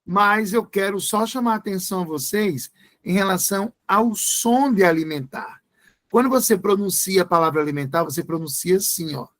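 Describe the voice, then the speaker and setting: A man's voice: high-pitched, normal speed, a bit bright. A man teaching an exam-prep grammar lesson, spelling words out letter by letter.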